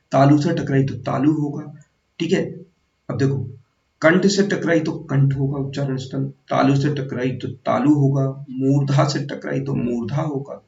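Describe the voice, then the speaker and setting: A man teaches grammar for exam prep, explaining patiently and checking in with his viewers. His voice is gravelly and his delivery is slow. He sounds distant from the mic in an echoey room, with a dull recording. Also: mid-range voice, darkish tone. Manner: explanatory, repeats 'theek hai' and 'hai na'; addresses viewers as friends, self-correcting.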